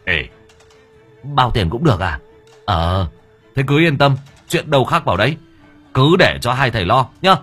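A man's voice: medium pitch, big pitch swings, moderate pace, long pauses, a bit bright, husky, faint music behind, pitched above the performer's own voice. A man voicing a cowardly, greedy older man in an audio story, stammering and flustered. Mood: reassuring.

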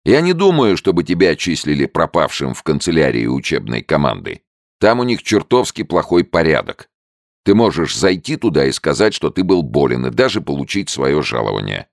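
A man's voice: a bass voice, very animated, moderate pace, creaky, no echo, studio quality, pitched above the performer's own voice, full character voice. A man voicing a young male soldier who argues heatedly and insistently. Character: agitated young male soldier, pushy persuader.

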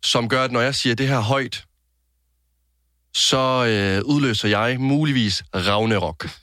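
Man co-host, mid-pitched, measured dry humor, dead dry studio sound. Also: fairly bright tone, dry recording. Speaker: podcast co-host. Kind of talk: casual chat.

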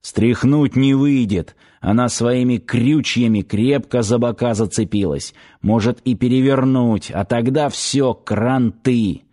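A gruff, steady male rifleman in an audiobook, voiced by the narrator. He talks bluntly and matter-of-factly in a mid-range voice. He takes his time over each word. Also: mid-range voice, a little slow, few pauses, close to an everyday voice.

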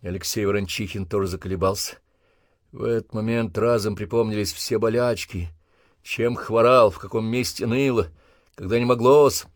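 A man reading a novel aloud as an audiobook narrator, in a steady, expressive way. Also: fairly low pitch, normal speed, dry recording, clean studio sound. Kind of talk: scripted narration.

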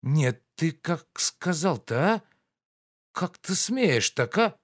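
Man voicing a sleepy, peevish gentleman. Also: fairly high pitch, sing-song, slow, voice pushed up, heavily acted. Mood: indignant. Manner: drowsy, peevish, pleading. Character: sleepy irritable gentleman, lazy and indignant.

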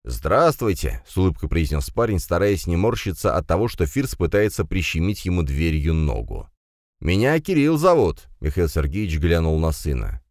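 A man narrating a story in an expressive, animated reading. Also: a bass voice, a little fast, creaky, few pauses, no echo, clean studio sound. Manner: reads with lively, animated intonation. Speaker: audiobook narrator.

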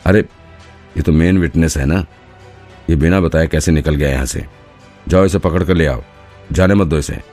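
A man's voice: a bass voice, moderate pace, pauses often, a little mellow, soft background music. A man voicing a jealous male police officer in an audiobook, sneering with sarcastic jabs at a rival. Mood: commanding.

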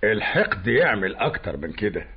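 A calm Egyptian husband in an old radio play. His voice is low and husky, talking quickly. The sound is muffled. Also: full character voice. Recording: dull old radio recording.

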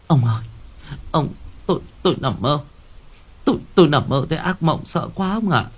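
A man putting on a shrill, sobbing older mother. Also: moderate pace. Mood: frightened wailing. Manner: shrill, stammering, wailing.

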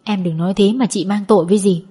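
A woman reading as a soft feverish elder sister. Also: medium pitch, fairly even intonation, fast talker, breathy edge, natural voice. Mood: resigned. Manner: soft, resigned, forgiving. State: weak from fever.

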